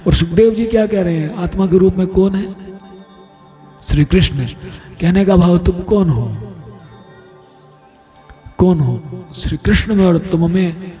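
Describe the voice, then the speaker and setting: A man's voice: sits high, a little slow, pauses often, mellow, faint music behind. A male preacher giving a devotional scripture sermon, explaining by asking and answering his own questions. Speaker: spiritual preacher narrating a scripture discourse.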